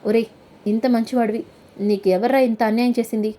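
A woman's voice: a little high, fairly even intonation, fast, dark tone, close to an everyday voice. A woman voicing a loyal male friend who speaks earnestly and coaxingly.

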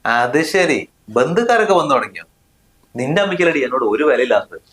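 A man's voice: medium pitch, big pitch swings, fast talker, fairly bright tone. An actor playing a scornful young husband who snaps at his wife in a family short film. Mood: angry. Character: harsh money-proud young husband.

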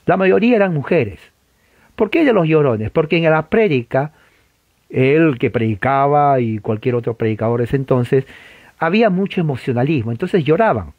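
A man teaching church history in an informal lecture, animated and conversational, with frequent rhetorical asides to the listener. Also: on the high side, moderate pace, dry recording, phone-quality sound.

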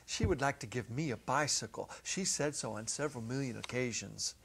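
A gravelly, medium-pitched middle-aged man narrates a short story as a dramatic reading, his lively intonation ranging from hushed to emphatic with deliberate pauses. He sits at a music stand on an indoor stage set, and his clip-on lapel mic picks up slight background noise.

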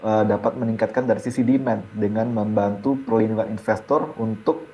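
A man's voice: lowish voice, steady tone, a little fast, dark tone, highs cut off, a little hiss or hum. A middle-aged man, a guest expert on a business show, explaining steadily over a video call with some fillers. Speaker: stock exchange division head, guest. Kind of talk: interview answers on a business show. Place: indoors, video call from a trading hall.

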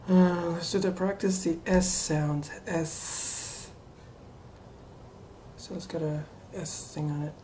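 A young adult woman talking casually to camera during voice practice, halting and muttering as she thinks aloud in a bedroom. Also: on the low side, steady tone, mellow. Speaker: voice trainee doing breathing exercises. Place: small cluttered bedroom, indoors. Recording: faint room noise.

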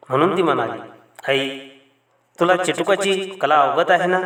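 Man reading a religious story aloud, steady storytelling, very echoey room, set back from the mic. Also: mid-range voice, distant mic. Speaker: reader. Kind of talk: reading a Buddhist text aloud.

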